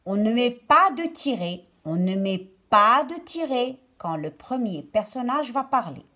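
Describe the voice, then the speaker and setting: A woman teacher with a high, lively voice gives a lesson for young children. She goes slowly, one phrase at a time as if dictating, and leans on the key words so they stand out. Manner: didactic, phrase-by-phrase delivery as if dictating. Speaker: primary school teacher.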